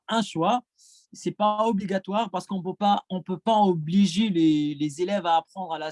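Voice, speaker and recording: In a high, slightly mellow voice with no echo, a French teacher from Gaza, Palestine fields questions at a conference. Arabic is his first language, so his French carries an Arabic accent, and he hesitates and repeats words a lot.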